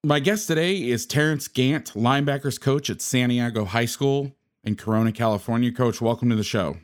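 A middle-aged man hosting a coaching podcast, talking casually in quick, upbeat patter. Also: medium pitch. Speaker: podcast host.

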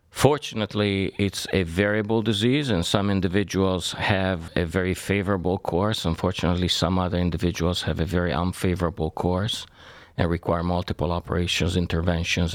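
A man from Italy, a surgeon and researcher, giving measured, formal explanations as a podcast guest. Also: sits low, no room sound, clean studio sound. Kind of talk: podcast interview.

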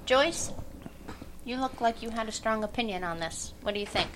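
A woman hosting a casual group discussion and gently prompting others with follow-up questions. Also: on the high side, moderate pace, background noise. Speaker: group facilitator and host.

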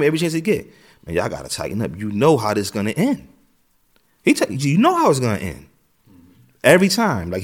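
A middle-aged American man, an interview guest, telling his story in a casual streetwise way, with phrases repeated. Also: medium pitch. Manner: streetwise, repeats phrases, frequent "you know what I'm saying".

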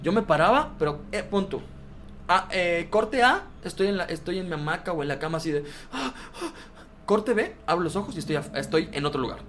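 A man in his twenties with a Mexican accent, a podcast guest telling a personal story in casual chat. He talks in an animated, slangy way, halting often to restart his words. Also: high voice, a little hiss or hum. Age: 20s.

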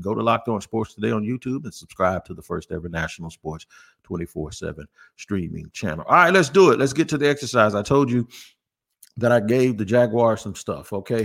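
A man hosting a sports podcast, talking through roster moves in a casual, conversational way and often repeating words for emphasis. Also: on the low side. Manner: conversational, thinks aloud with restarts and emphatic repeats. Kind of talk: casual sports talk with host-read ads.

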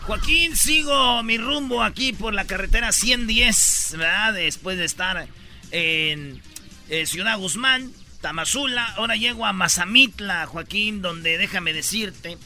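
A man with a very bright, high voice delivers a comic road report on a radio show. He talks like a jokey storyteller and signs off playfully. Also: unhurried, faint music behind.

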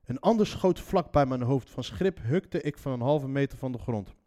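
A man's voice: medium pitch, expressive, normal speed, mellow. A man reading a news article aloud and mocking it with sarcastic, sweary commentary.

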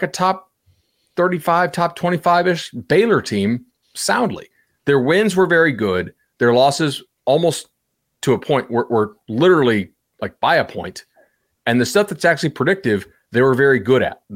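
Animated male sports betting analyst. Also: a little high, normal speed. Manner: animated, chatty, lots of fillers. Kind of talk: casual podcast chat.

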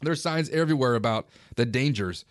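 A man in his forties, a fishing vlogger, casually recounting a day on the river in a relaxed, conversational way. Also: medium pitch, fairly quick, dry recording, clean studio sound. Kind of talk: casual first-person storytelling.

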